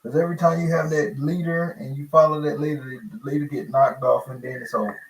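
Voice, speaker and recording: A man's voice: fairly high pitch, steady tone, a little fast, slight background noise, low-quality recording. A man in a casual discussion, making his points emphatically and repeating himself as he works them out.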